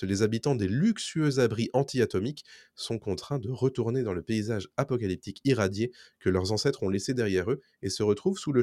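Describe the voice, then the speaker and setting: Low-voiced man hosting a podcast. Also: a little mellow, no echo, clean studio sound. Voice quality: enthusiastic, nostalgic. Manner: reads listings then riffs. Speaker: podcast co-host presenting release picks. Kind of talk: casual podcast chat.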